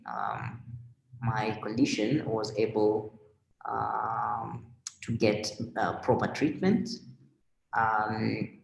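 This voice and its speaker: A Kenyan man speaking slowly and carefully, pausing often between thoughts. His lowish voice carries a rough, gravelly edge. The sound comes over a video call from a roomy, echoing space. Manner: slow, measured, with many pauses and fillers. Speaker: interview guest. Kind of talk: remote video interview.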